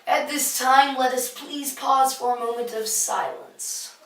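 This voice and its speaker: A woman's voice: high-pitched, fairly even intonation, unhurried, fairly bright tone. A young female student reading scripted school announcements in the manner of an intercom broadcast. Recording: echoey, distant school intercom sound, music behind.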